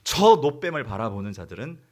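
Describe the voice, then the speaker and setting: A pastor putting on God as an elderly male deity giving Moses plain, unhurried orders. The voice drops lower and steadier than his preaching, firm but not harsh. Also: big pitch swings, natural voice. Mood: commanding.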